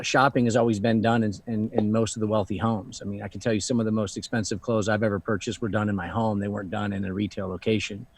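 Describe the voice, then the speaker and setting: The speaker is a luxury fashion founder in his thirties, chatting reflectively as a guest during a casual live online Q&A, with plenty of "you know" fillers. He has a lowish voice with a darkish tone, and there's no room sound.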